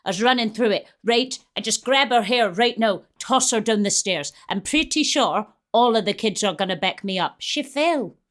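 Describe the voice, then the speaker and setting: A woman's voice: a little high, animated, normal speed, few pauses, fairly bright tone. A woman reacting to a film with crude, ranting comedy, talking in a put-on Scottish accent like a stern old teacher. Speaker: reaction video host.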